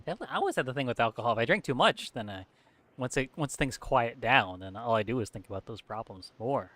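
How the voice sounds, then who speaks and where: A man's voice: medium pitch, lively intonation, quick pace, fairly bright tone, no echo. Wry man teasing in podcast chat. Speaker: podcast co-host. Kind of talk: casual chat.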